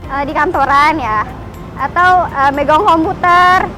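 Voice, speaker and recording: Woman, 20, high pitch, short interview answers, loud music behind. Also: unhurried, a crowd in the background, rough recording. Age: 20s. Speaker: job seeker interviewee. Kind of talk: casual street interview.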